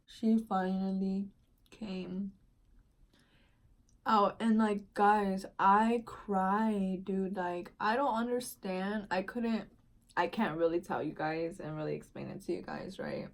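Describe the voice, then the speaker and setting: A woman's voice: medium pitch, takes it slowly. A young woman vlogger casually telling a long personal story, rambling with lots of filler words and slang. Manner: rambling, heavy use of "like" and "dude".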